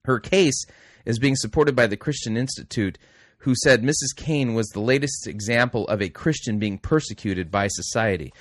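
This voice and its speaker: A middle-aged male radio host gives casual talk-show commentary on his program, rambling, trailing off and restarting, self-correcting with wry little asides. His voice is at an ordinary pitch and normal speed, sounding close and dry with no room sound.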